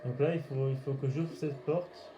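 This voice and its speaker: Hesitant French gamer commenting. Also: male voice, mid-range voice, fairly even intonation, normal speed, lo-fi sound. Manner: hesitant, filler-heavy narration. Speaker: gameplay commentator. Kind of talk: casual gameplay commentary. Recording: roomy, noisy game capture.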